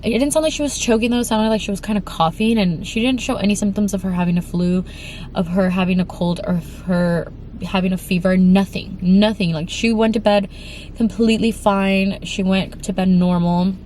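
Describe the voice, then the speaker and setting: In an emotional storytime vlog, a young woman with a stuffy, congested voice recounts a scary experience, full of fillers and restarts. She speaks a little fast at a medium pitch, with a steady, slightly mellow tone. A little hiss or hum can be heard.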